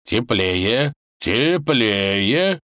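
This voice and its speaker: A man's voice: medium pitch, sing-song, drawn-out words, sharp tone, dry recording, clean studio sound, pitched above the performer's own voice, full character voice. A man voicing a cunning, self-important male wolf who speaks slyly and commandingly in a fairy tale. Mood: scheming. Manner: sly, commanding, self-assured.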